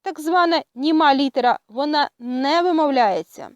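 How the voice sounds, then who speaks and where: A woman with a Ukrainian accent teaching a language lesson, speaking carefully and pausing often with hesitant fillers. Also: high voice, no room sound, highs cut off. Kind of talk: slow spoken lesson.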